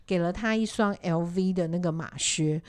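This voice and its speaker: A woman's voice: fairly low pitch, moderate pace, darkish tone, clear, resonant tone. A woman hosting a casual talk show, telling a counseling story and acting out what people said, with many fillers. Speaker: podcast host and counselor.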